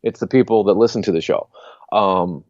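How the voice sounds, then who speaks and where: Low-voiced, laid-back man on a dull line. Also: normal speed, a little mellow, dry recording. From Washington, D.C. area. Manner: laid-back, self-deprecating, laughs easily. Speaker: podcast guest, comedian. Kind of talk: casual chat.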